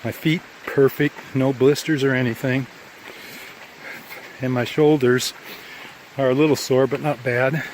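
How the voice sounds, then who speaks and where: Worn out from a long hike, this man records a casual trail diary outdoors on a mountain trail. His medium-pitched voice is fairly even and measured, with long pauses, as he rambles plainly over a faint background hiss.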